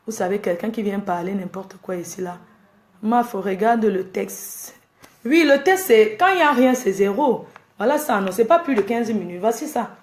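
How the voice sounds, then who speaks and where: A woman's voice: mid-range voice, lively intonation, moderate pace, a little mellow, reverberant. A woman ranting at her fans on a casual live stream, scolding and exasperated as she lectures her viewers. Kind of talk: casual Facebook live rant.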